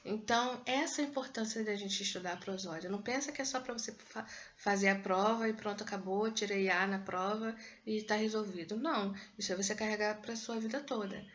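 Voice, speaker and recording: A Brazilian woman teaches a school language lesson, explaining step by step and pausing often to check that students follow. Her voice is bright and forward. The recording is dull and lo-fi. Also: mid-range voice, a little hiss or hum. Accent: Brazilian Portuguese. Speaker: Portuguese teacher.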